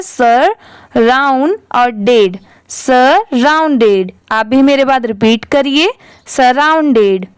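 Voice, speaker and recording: A high-voiced woman teaches English reading at an unhurried pace. She spells each word out letter by letter, blends the parts together and patiently repeats the result. The recording is dry, with no room sound. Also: clean tone, no echo. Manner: spells words letter by letter, then blends them. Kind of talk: slow spelling-out lesson.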